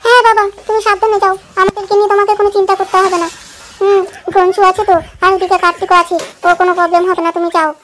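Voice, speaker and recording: A chirpy, bossy young goddess daughter from a cartoon, voiced by a woman. Her voice is very high and squeaky, and she chatters quickly and nags eagerly over a faint hiss. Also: flat delivery, fairly bright tone. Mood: chatty. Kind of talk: cartoon voice acting.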